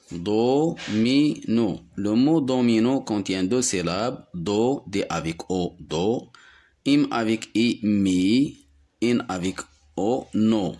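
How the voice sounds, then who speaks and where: A man from Morocco with a Moroccan accent, teaching young children to read and repeating each word slowly, syllable by syllable. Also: on the low side, mellow. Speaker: primary school teacher. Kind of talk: slow, deliberate reading lesson for young children.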